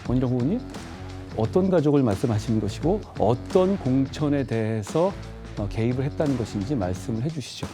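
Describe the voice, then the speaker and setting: Male debater, fast pushy delivery, debate clip with music behind. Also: mid-range voice, expressive. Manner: pressing, insistent questioning. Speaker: debate candidate. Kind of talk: televised debate questioning.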